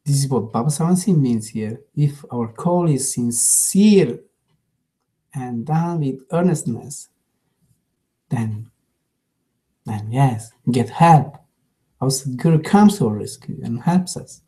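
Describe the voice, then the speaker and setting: A man giving a spiritual talk, telling a parable in an unhurried way with gentle pauses. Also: medium pitch, expressive. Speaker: spiritual teacher.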